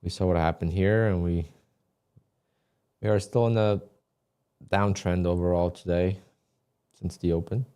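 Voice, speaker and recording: A man chatting casually on a live stream while day trading, thinking aloud with halting restarts. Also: low-pitched, fairly even intonation, mellow, clear, resonant tone. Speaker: livestream day trader.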